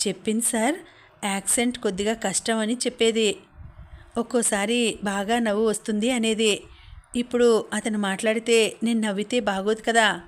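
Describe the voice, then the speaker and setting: A woman reading the lines of an eager, polite young woman in an audiobook, quick and apologetic. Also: fairly high pitch, steady tone, close to an everyday voice.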